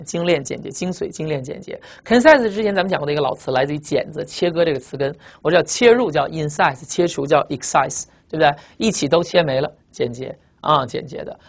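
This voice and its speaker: A man teaching a vocabulary class at a quick clip. He breaks words down by their roots and repeats the key phrases for memorizing. He slows right down to pronounce each English word clearly. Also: on the high side. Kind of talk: lecture.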